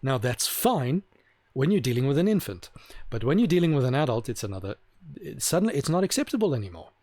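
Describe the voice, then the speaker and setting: A man's voice: medium pitch, very animated, quick pace, darkish tone, no room sound. A man giving an opinionated monologue to camera, rambling with restarts and asking rhetorical questions. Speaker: video host. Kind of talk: opinionated talking-head monologue.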